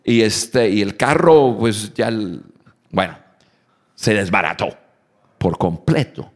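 A man telling funny personal stories in a talk to an audience, acting out shouts and laughing as he goes. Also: on the low side, slow. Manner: animated storyteller, acts out shouts and laughs. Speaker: speaker on communication.

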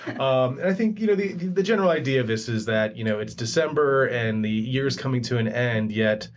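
A man's voice: mid-range voice, animated, a little fast. Joking male podcast host, lo-fi sound. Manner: joking, laughs often, stumbles on words. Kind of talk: casual chat.

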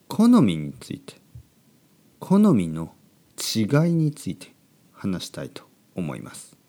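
A man's voice: low-pitched, huge pitch swings, takes it slowly, mellow. A man hosting a podcast for language learners in simple, unscripted talk, repeating and rephrasing key words as he goes. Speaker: podcast host for learners of Japanese.

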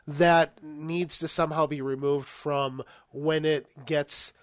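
A man's voice: on the high side, little pitch movement, clear, resonant tone, no room sound, studio quality. Enthusiastic male podcast co-host. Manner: enthusiastic, chiming in with quick remarks. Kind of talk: casual chat.

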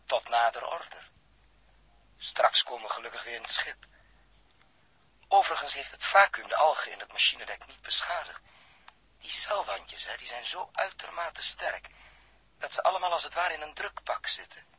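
Joost, a chatty, curious astronaut. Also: male voice, mid-range voice, expressive, moderate pace, long pauses, pushed and bright, slightly rough, full character voice, low-quality recording. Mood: musing. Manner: explanatory, musing, later anxious. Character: curious, talkative male astronaut. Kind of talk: vintage radio drama acting.

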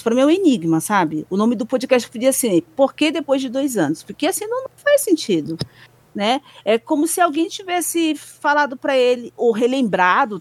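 A woman's voice: mid-range voice, no echo. Indignant Brazilian woman podcaster. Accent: Brazilian Portuguese. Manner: indignant, emphatic, repeats herself with restarts. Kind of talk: casual podcast chat.

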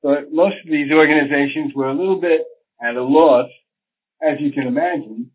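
An older man, an astrologer appearing as an interview guest, speaks at a normal speed with a fairly high-pitched voice. His answers are long and scholarly, wandering off on tangents and packed with fillers. The audio has a phone-line quality.

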